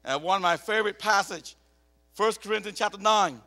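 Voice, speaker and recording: Missionary preacher, man born in Cambodia and raised in America; high, bright, gravelly voice, animated delivery that repeats and restarts, echoey church hall. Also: brisk. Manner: animated, repeats words and restarts, tells personal stories. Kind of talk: sermon.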